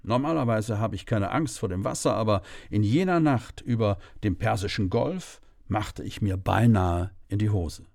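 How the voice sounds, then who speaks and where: A middle-aged man calmly narrating a first-person audiobook story in a measured way. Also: fairly low pitch, gravelly, dry recording, studio quality.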